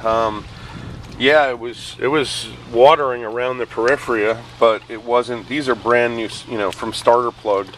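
A middle-aged hydroponics reviewer films outdoors beside buckets on pavement, casually walking through his hydroponic bucket setup with plenty of ums and uhs. His medium-pitched voice is fairly even and bright at normal speed, in a rough recording with slight background noise.

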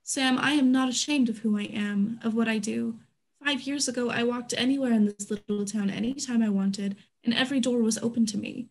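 An actor in an online staged reading, speaking from home on a group video call, reads a scripted play as a candid, proud businesswoman of an Old West town. Her voice is on the high side and brisk, her mood guarded and proud, and the audio is poor.

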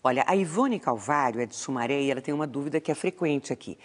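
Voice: mid-range voice, expressive, fast talker, breathy edge. A TV show host who reads viewers' questions aloud and gives short acknowledgments between the guest's answers. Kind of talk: reading viewer letters on air.

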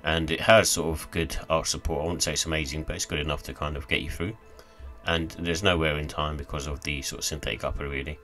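A man with a very deep voice talks through a sneaker review in a loose, rambling way, leaning on "sort of" and "kind of" again and again. Soft music plays faintly under his voice-over. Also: little pitch movement, fast. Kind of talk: casual product review voice-over.

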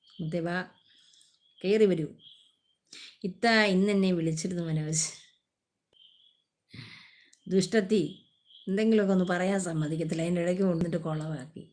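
Lady doing a live stream, low-ish voice, chatty and teasing, keeps greeting folks by name and begging for likes. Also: steady tone, moderate pace, long pauses, mellow. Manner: affectionate, teasing. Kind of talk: casual live-stream chat.

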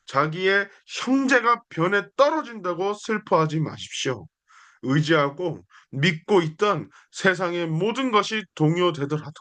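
A young man delivers a sermon in an earnest, declamatory way. His fairly high voice rises and falls with lively movement as he stacks one repeated phrase on the next. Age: young adult. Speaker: preacher. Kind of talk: sermon with scripture reading.

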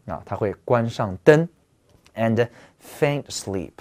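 A man's voice: mid-range voice, animated, takes it slowly, a little mellow. A man teaching English vocabulary in an explanatory lecture, asking his listeners rhetorical questions and repeating key words.

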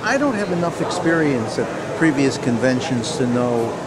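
A man answering interview questions as a union delegate, earnest and measured, often restarting his sentences. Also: medium pitch, big pitch swings, heavy background noise. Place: busy convention hall. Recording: loud crowd chatter behind.

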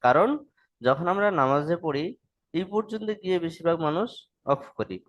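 A man teaching an online class, slowly chanting a prayer line by line, then explaining its pronunciation in quick, plain speech. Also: on the high side, lively intonation, slight background noise. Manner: slow drawn-out chanting of the prayer.

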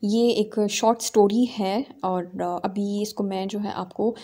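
Mellow-voiced woman explaining software steps. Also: mid-range voice, steady tone, slow pace. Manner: explains step by step with fillers. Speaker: tutorial host. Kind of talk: screen-recorded software tutorial.

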